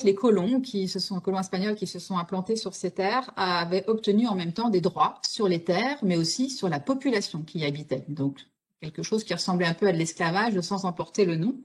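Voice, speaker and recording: A woman's voice: mid-range voice, a little fast. A woman giving an online illustrated history talk, explaining step by step with frequent fillers and self-corrections. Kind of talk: spontaneous illustrated lecture.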